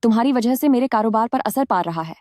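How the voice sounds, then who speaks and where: An actress dubbing a young pregnant street vendor who stammers when upset. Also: female voice, a little high, expressive, quick pace, a little mellow, dry recording, close to an everyday voice. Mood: angry. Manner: flustered, stammering. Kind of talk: dubbed drama acting.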